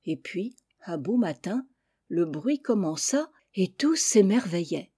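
A woman reads a children's fable aloud in a gentle, measured storybook manner. Her voice is dark and mellow, with a husky, breathy softness at mid pitch. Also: sing-song.

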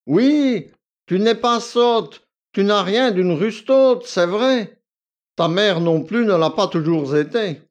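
Man doing a smug young valet, nasal and drawling, higher and louder than the narration, audiobook. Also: slow pace. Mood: bored, condescending. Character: arrogant lazy young male valet, disdainful.

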